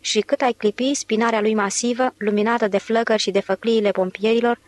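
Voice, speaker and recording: A woman reading a novel aloud in steady, measured literary narration. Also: fairly high pitch, no room sound. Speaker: audiobook narrator.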